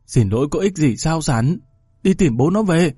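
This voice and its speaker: A man's voice: on the high side, lively intonation, moderate pace, mellow, slightly rough, dry recording, studio quality, voice pushed up. A man voicing an enraged middle-aged mother who scolds her daughter harshly, in a read-aloud story. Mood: furious. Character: furious shouting middle-aged village mother.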